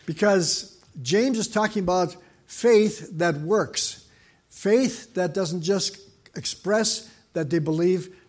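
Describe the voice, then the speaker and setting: In the sanctuary, a visiting preacher of older age gives his sermon through a church microphone. The voice is soft and a touch high; delivery is rapid, with many fillers and restarts, yet the tone remains gentle and personal.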